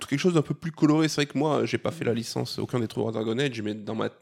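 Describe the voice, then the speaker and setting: A man co-hosts a gaming podcast, chatting about news in a loose, easygoing way. He talks fast. His voice has a gravelly, fry-heavy edge. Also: mid-range voice. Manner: quick, relaxed, conversational. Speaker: podcast co-host. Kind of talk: casual gaming podcast chat.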